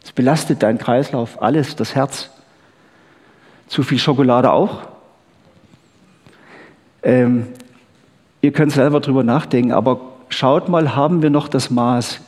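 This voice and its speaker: A man's voice: mid-range voice, a little slow, long pauses, darkish tone. A man preaching a chatty sermon, often checking in with the crowd with "gell?" and "ha?". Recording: long hall reverb.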